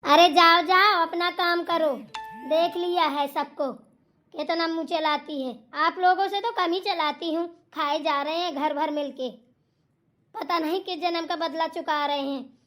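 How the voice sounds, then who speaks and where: A woman voicing a sulky, sharp-tongued young daughter-in-law in a cartoon, complaining in a Bundelkhandi accent. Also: very high voice, steady tone, measured pace. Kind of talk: cartoon voice acting.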